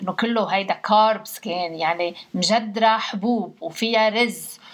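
A woman's voice: medium pitch, normal speed. A young woman with a Lebanese accent chatting casually with her mother, playful and full of teasing questions. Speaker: daughter on a call with her mother. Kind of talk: casual family phone chat.

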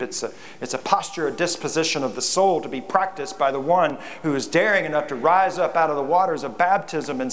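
A man's voice: a little high, a little hiss or hum. Reflective man preaching a sermon. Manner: reflective, with frequent repeated words. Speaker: pastor. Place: church.

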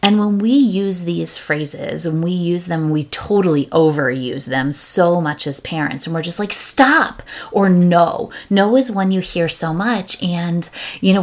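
Female podcast host, parent coach; lowish voice, upbeat chat with acted-out quotes. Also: darkish tone. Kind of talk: casual podcast talk.

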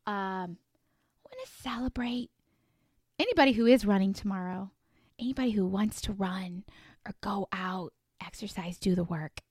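A woman's voice: mid-range voice, moderate pace, darkish tone, breathy edge, dry recording, clean studio sound. A woman in her thirties hosting a motivational podcast, upbeat and emphatic, repeating phrases to encourage her listeners. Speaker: podcast host.

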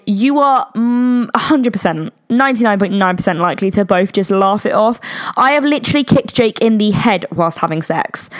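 A young British woman in her twenties hosting a podcast, chatting frankly and giggling, with lots of fillers. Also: medium pitch. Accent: British English. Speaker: podcast host. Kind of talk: casual chat.

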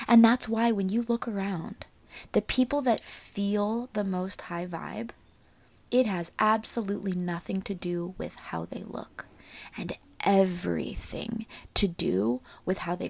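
Breathy, creaky-voiced woman, soothing spiritual healer. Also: mid-range voice, darkish tone. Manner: informal, earnest, addressing the listener directly. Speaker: podcast host and spiritual coach. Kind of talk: motivational spiritual talk to listeners.

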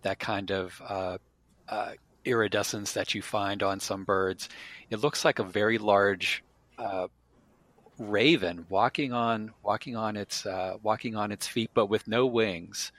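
A man narrating a tabletop game as a player, halting, with many fillers and restarts. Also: on the low side, steady tone, fairly bright tone, no room sound.

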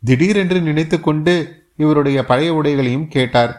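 A man's voice: a little high, normal speed, a little mellow, pitched above the performer's own voice, natural voice. A man doing a servile, pleading palace guard.

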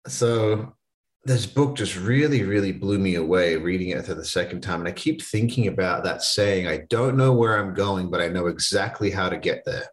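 With a voice that sits low and a moderate pace, this podcast host in his late twenties talks earnestly and casually on his own motivational show, restarting now and then as he goes.

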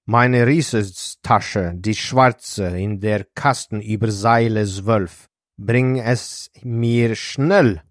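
A gruff, vigorous doctor in his seventies, as a man puts him on in an audiobook, brisk and commanding. The voice rides higher than the narrator's own and sounds dry and close. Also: lively intonation, no room sound. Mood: barking. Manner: gruff and commanding, soft when coaxing. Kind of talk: audiobook character voice.

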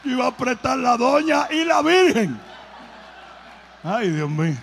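A man's voice: very high voice, very animated, measured pace, gravelly, a bit bright, long reverb tail, slight background noise. A male pastor preaching a sermon with comic storytelling and emphatic delivery.

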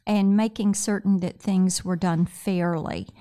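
A woman from Tennessee hosting an interview, who speaks in a measured, affirming way as she sets up her questions. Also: fairly low pitch, steady tone, warm tone. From Tennessee, USA. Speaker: interview host.

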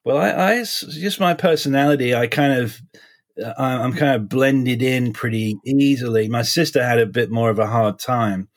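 A man in his forties with a slight Essex English accent softened by American years, chatting casually as an interview guest in halting, repetitive phrasing. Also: mid-range voice. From suburbs of London, England (Essex), then Florida from age 12. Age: 40s. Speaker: guest, criminal defense lawyer.

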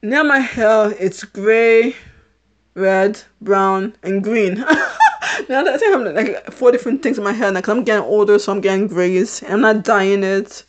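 A middle-aged Haitian woman with a British-sounding accent hosts a casual solo podcast, rambling, repeating herself and laughing a lot. Her voice is medium in pitch and unhurried, and the recording sounds muffled.

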